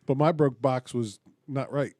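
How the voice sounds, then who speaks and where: Man, warm low-toned voice, lively teasing podcast co-host, dry close mic. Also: a little slow, no echo. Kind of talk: casual chat.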